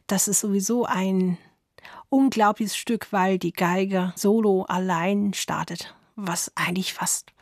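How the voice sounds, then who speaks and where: Speaking slowly with fairly even intonation, this woman has a medium-pitched voice captured in clean studio sound with no room noise. She's a violinist in her 30s giving radio interview answers in a studio, thoughtful, with soft laughs and small grammatical slips.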